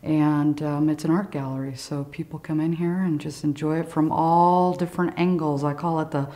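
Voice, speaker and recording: A woman's voice: low-pitched, fairly even intonation, moderate pace, dark tone. A woman who owns an art studio, talking enthusiastically in a promotional interview.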